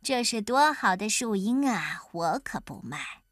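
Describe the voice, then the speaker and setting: A woman voicing a clever, sly folk-hero man in a children's storybook reading, calm and teasing. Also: mid-range voice, dry recording, clean studio sound. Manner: calm, teasing, deliberately slow. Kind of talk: storybook character voice.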